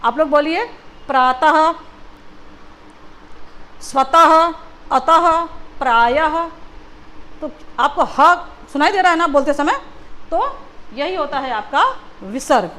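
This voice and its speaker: A woman's voice: sits high, lively intonation, normal speed, a bit bright. A woman teacher giving a Hindi lesson to young children, patiently asking and repeating questions. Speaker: school teacher.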